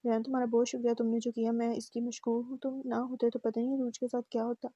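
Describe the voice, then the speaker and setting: A woman's voice: fairly high pitch, flat delivery, quick pace, breathy edge, dry recording. A woman voicing a kind middle-aged mother. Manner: gentle, grateful. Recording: dull muffled recording.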